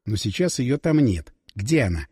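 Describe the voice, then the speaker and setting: A man narrating a first-person audiobook in a dramatic, expressive reading. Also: medium pitch, moderate pace, breathy edge. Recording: dry close voice with long reverb.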